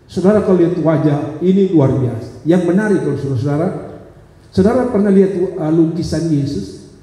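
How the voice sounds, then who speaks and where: A male pastor preaching a sermon, telling a story dramatically and speaking straight to the congregation. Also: dark tone. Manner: dramatic storytelling with wide pitch swings, addressing the congregation directly. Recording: echoey church hall reverb.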